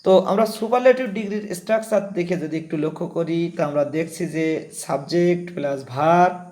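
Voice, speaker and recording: A man's voice: fairly high pitch, normal speed, darkish tone. A man teaches an English grammar class. He works through each point step by step and says the key terms over again.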